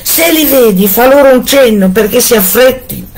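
Donna che fa una giovane moglie terrorizzata. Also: female voice, a little high, animated, normal speed, a little mellow, pitched above the performer's own voice. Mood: anxious. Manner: pleading, anxious calling out. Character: young terrified wife begging for her life.

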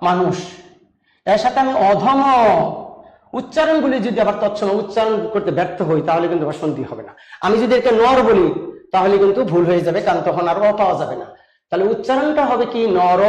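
A man with a fairly high voice gives a step-by-step grammar lesson. He poses questions to the class and answers them himself. The sound is roomy and echoey. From Bangladesh. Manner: patient explaining, asks rhetorical questions, chants rhymes. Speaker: teacher.

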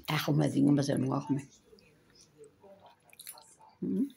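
An older woman with a European Portuguese accent rambles affectionately to viewers from her home dining table, filmed on a handheld phone as cutlery and dishes clink. Her voice is low, creaky, and warm, at a moderate pace.

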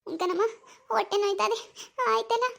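A woman voicing a young pregnant village woman in labour pains in a cartoon, soft and pleading. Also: extremely high pitch, fairly even intonation, brisk, creaky, full character voice. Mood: pained pleading. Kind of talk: cartoon voice acting.

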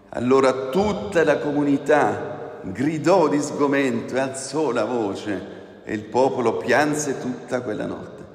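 A man preaching a sermon slowly and emphatically, his voice rising on key phrases. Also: mid-range voice, vocal fry, darkish tone. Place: church hall. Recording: echoey church with long reverb.

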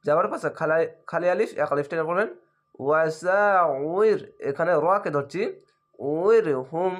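A man with a somewhat high voice leads a recitation lesson. He chants each word in long, drawn-out syllables, then breaks off to explain the reading rules in brisk, plain speech. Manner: drawn-out chanting of words between quick explanations. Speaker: Quran reading teacher. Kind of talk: slow spelled-out recitation lesson.

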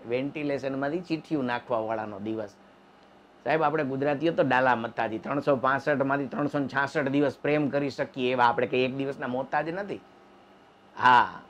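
A man telling jokes in an animated stand-up comedy monologue. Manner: animated storytelling, wife voices in high falsetto. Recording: dull lo-fi sound.

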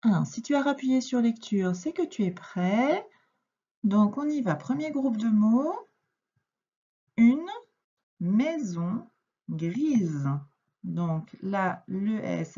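Slow, patient woman teacher, muffled recording. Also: medium pitch, mellow. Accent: French. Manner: slow, clear, patient explaining with stretched words. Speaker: primary school teacher. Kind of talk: reading lesson for young children. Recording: dull, lo-fi home recording.

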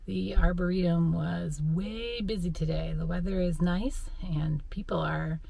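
A woman's voice: fairly low pitch, steady tone, unhurried, vocal fry, dark tone, breathy edge. A middle-aged woman with an American accent chats casually as a running vlogger, speaking into a camera held at arm's length. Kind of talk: casual vlog chat. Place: on location at trails outdoors or in a parked car. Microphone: handheld camera at arm's length.

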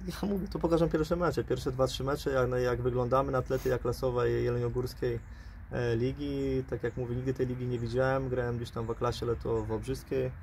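Fast-talking football coach, many fillers. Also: male voice, medium pitch, steady tone, gravelly, darkish tone, a little hiss or hum. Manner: fast, repeats "mówię" and "no", hedging. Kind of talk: post-match interview. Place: outdoors by a pitch, under a dugout shelter.

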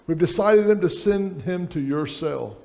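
A man's voice: sits high, expressive, unhurried, creaky, warm tone. A middle-aged man preaching a sermon on a church stage, reading aloud from a book at a lectern.

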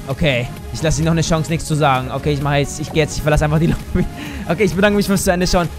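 A man giving live commentary on a shooter game, excitable, exclaiming and cursing as he plays. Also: fairly high pitch, fast, music in the background. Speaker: gaming YouTuber. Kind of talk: live let's play commentary.

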